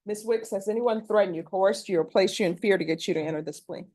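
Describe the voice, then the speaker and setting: Courtroom recording: a woman judge with a mellow, dark voice and a brisk, formal delivery. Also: mid-range voice. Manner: brisk, formal, reads set questions. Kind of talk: formal plea admonishments.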